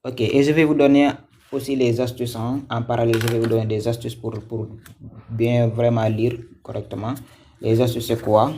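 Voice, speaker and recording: A man's voice: mid-range voice, level tone, normal speed, mellow, slight background noise. A man teaching Quran reading in a live-streamed lesson, patient and repetitive, who quizzes his viewers and thanks them by name. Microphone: livestream mic.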